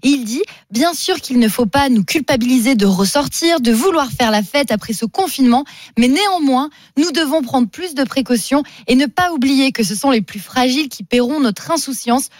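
High-voiced woman reading listener messages. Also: animated, normal speed, dry recording. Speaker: radio show assistant reading listener votes. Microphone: studio microphone.

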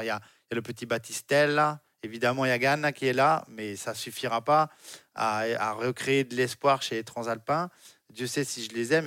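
A man's voice: medium pitch, fairly bright tone, no room sound, studio quality. Emphatic male cycling pundit. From France. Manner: emphatic, repeats words. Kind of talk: radio sports talk.

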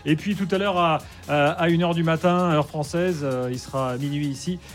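A chatty man hosts a live sports radio show, his voice sitting a little high. He talks loosely with plenty of fillers and laughs easily. Faint music plays underneath. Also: normal speed. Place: studio on location.

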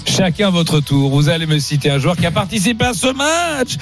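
A man's voice: high voice, moderate pace, faint music behind. A man hosting a football quiz on a radio talk show, teasing the panel in studio banter. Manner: teasing, animated quizmaster.

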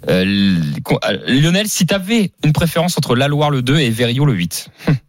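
A man hosting a live radio horse-racing panel, briskly steering his guests and hurrying them along. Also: medium pitch, animated, no echo, studio quality. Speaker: radio racing show host. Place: radio studio.

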